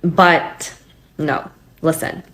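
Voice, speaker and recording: A woman's voice: deep voice, steady tone, extremely slow, fairly bright tone. A young woman from Hong Kong, a vlogger telling her personal story in a candid, chatty way with many fillers. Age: young adult.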